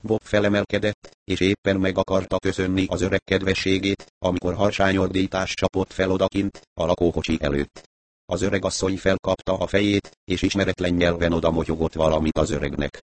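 Deep-voiced male audiobook narrator. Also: little pitch movement. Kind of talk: scripted narration.

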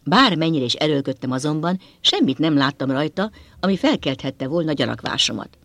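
A man narrating a first-person novel with an expressive, dramatic reading, close to the mic. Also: a little high, gravelly, no echo. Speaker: audiobook narrator.

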